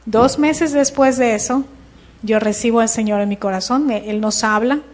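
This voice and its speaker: A middle-aged woman, telling her personal testimony in church in a lively storytelling way. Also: a little high, moderate pace. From Mexico. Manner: lively storytelling, acting out dialogue. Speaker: church member giving testimony.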